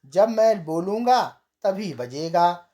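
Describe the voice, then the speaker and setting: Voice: mid-range voice, lively intonation, takes it slowly, mellow. A storyteller voicing a cheerful, boastful village inventor man who is always sure of his silly ideas.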